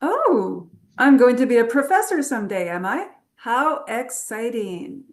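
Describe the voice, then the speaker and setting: At a script table read, a woman plays a flirtatious, knowing adventurer professor, teasing and taking her time. Her voice is a little high, with big pitch swings.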